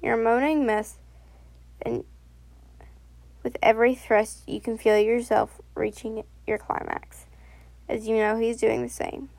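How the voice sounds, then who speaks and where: Woman narrator, soft and unhurried, vocal fry, fairly high voice, dry close recording. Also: steady tone, dry recording. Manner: soft, unhurried reading with self-corrections. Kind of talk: second-person audio story reading.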